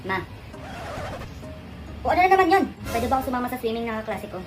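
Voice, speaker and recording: Isang babaeng may puntong Pilipino na gumaganap ng ina at anak sa isang comedy skit, mapang-asar at masiglang pananalita. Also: female voice, on the high side, a little fast. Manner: animated, teasing comic delivery. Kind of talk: comic skit acting, mother and child roles. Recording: music playing behind.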